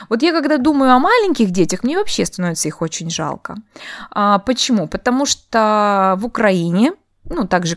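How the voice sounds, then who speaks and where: A woman's voice: mid-range voice, no room sound, studio quality. A woman who teaches English, speaking in a reflective, explanatory way as she answers a listener's question on her podcast. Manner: reflective, explanatory, shares a personal opinion.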